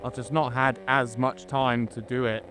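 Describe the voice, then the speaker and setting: Chatting informally on a moving motorbike, this British man vlogs through a noisy helmet mic over engine and road noise. He talks at a normal speed in a mid-range voice with little pitch movement.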